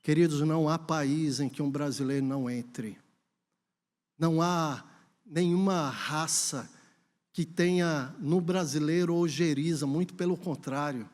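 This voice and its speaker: On the high side and a little mellow, this Brazilian man's voice moves a little slowly as he preaches. He is a pastor at a church conference, recounting a story and then spurring the congregation on with emphasis, recorded with long hall reverb.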